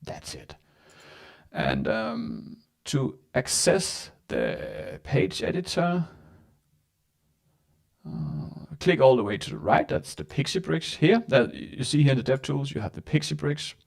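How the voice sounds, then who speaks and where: A man hosting a live software tutorial, talking casually and haltingly with many fillers. At times his voice sounds echoey and a bit robotic. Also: medium pitch, wildly swooping pitch, gravelly. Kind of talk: live screen-share walkthrough.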